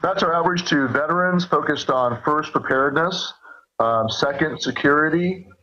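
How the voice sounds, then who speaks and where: A male radio guest explains his points in a measured, interview manner. His voice is forceful and bright with a rough, husky edge. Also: on the high side, muffled recording. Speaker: guest on a talk radio show.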